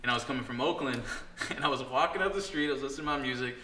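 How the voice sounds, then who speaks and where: A man's voice: mid-range voice, very fast, slight background noise. A young man, a podcast guest, telling stories in casual chat, swearing and acting out the people he quotes. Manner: animated storyteller, swears, acts out quotes. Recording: echoey room.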